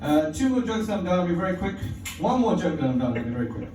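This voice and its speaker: This London comedian, performing stand-up inside a comedy club, is wry and profane and chuckles at his own lines. His voice sits high, very animated and darkish, and he talks fast. The recording is echoey and distant.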